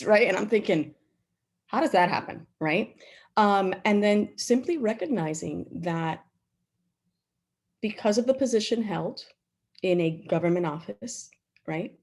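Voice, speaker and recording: A woman's voice: mid-range voice, unhurried, breathy edge. A woman panelist on a video call, speaking reflectively and earnestly and checking in with "right?".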